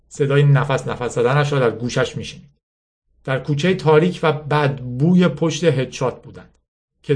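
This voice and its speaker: A man reading a novel aloud as an audiobook narrator, with a steady, measured storytelling delivery. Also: medium pitch.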